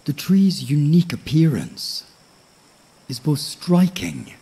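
The host of a sleep story podcast narrates a bedtime tale in the style of a nature documentary, tranquil and measured with frequent pauses. His voice is husky, breathy, mellow, and fairly high in pitch.

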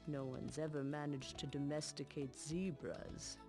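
A woman's voice: low voice, steady tone, a little slow, music in the background. A woman voicing a friendly talking zebra in an educational game, explaining plainly to children.

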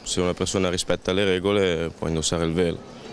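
A man in his thirties giving calm, reasoned answers into a handheld mic on a busy town street. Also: sits low, fast. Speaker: street interviewee. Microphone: handheld interviewer mic.

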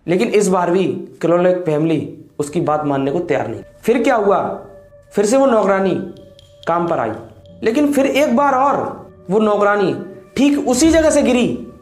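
A man in his twenties hosting a channel, telling a horror story to camera in a dramatic way, dropping low on ominous lines. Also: a little mellow. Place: small indoor room with cloth backdrop. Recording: echoey room, faint background music.

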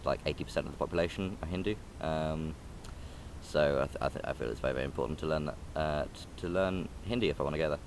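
Quick-paced and gravelly, this young adult's bass voice carries a casual, rambling vlog from a park near a railway line, with slight background noise. The recording comes from a phone or camera held close. He is hesitant, with frequent ums and restarts.

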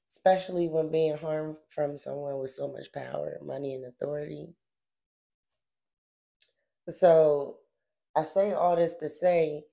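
A middle-aged woman hosting a casual spiritual commentary, dramatic and slangy, dropping to whispers and rising to emphatic outbursts. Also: vocal fry. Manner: dramatic, swings between low whispers and emphatic loud outbursts; casual slangy delivery with repeated phrases. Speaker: spiritual channeler and host.

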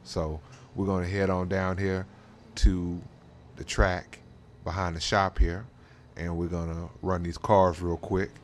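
The host of a drag racing role-play channel gives casual game commentary in a low, fairly flat, unhurried voice. He rambles in slang and keeps tossing in "you know what I'm saying," with background noise clearly audible.

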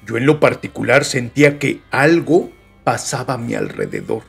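A man's voice: mid-range voice, wildly swooping pitch, moderate pace, vocal fry, husky, soft background music. A man with a Mexican Spanish accent, hosting a podcast, reading listener stories aloud with chatty joking asides. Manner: chatty, joking asides between read passages. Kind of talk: casual storytelling reading.

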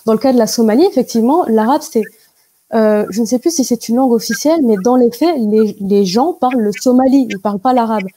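A young woman answering interview questions over a video call, explaining carefully with many pauses and fillers. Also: on the high side, warm tone, no echo, poor audio. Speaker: guest. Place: indoor room at home. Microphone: video call with wired earphone mic.

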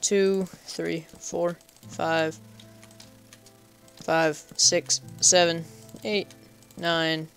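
Smooth-voiced playful young man gaming. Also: fairly high pitch, little pitch movement, extremely slow, a bit bright, faint music behind. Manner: playful, chatty self-talk with goofy animal nicknames. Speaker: gaming channel host. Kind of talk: casual let's play commentary.

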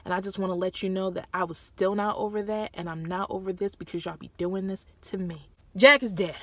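Animated young woman, bright dry voice. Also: mid-range voice, brisk, no room sound. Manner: animated, dramatic, slangy, swings from hushed to loud. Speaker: vlogger. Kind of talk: casual chat recapping a TV show.

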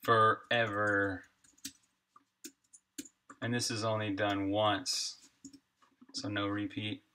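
Streaming his game development live, a man thinks aloud, talking casually through his code and reacting to chat. His lowish voice is level and slow, with a pushed, bright quality.

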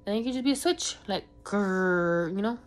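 A young woman vlogger with a cold sounds congested as she rambles casually, chatty and packed with fillers. Her voice is medium-pitched and animated, at a normal speed.

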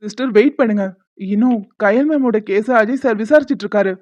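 A woman voicing a fast-talking young man. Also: fairly high pitch, a little mellow, no echo, lightly acted. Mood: earnest. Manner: brisk, reassuring. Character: young man, caring brother figure. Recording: dull lo-fi dry sound.

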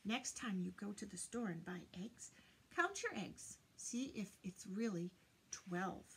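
In a small room with bookshelves along the walls, an older woman reads to children, teaching in a sing-song manner and putting questions to them. She is very animated, her voice mid-range and her pace measured, with a little hiss or hum in the audio.

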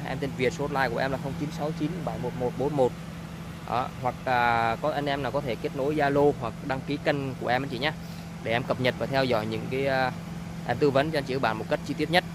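A man presents a used car in an informal sales walkaround. His voice is medium in pitch, and he speaks haltingly, repeating words as he goes. He is recorded outdoors from behind a handheld camera, with slight street noise around him.

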